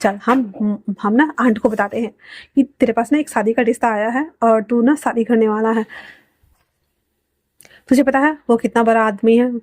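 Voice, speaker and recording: A woman's voice: fairly high pitch, fairly even intonation, moderate pace, a little mellow, no room sound, natural voice. A woman voicing a bossy, hot-tempered young man who scolds his friend bluntly.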